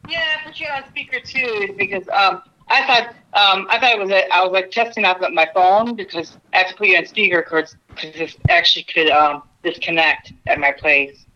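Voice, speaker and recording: A woman, a stand-up comedian appearing as a podcast guest, talks in a casual phone interview heard over a bright, lo-fi speakerphone line. She has a medium pitch and moderate pace with few pauses, rambling along with many fillers and restarts.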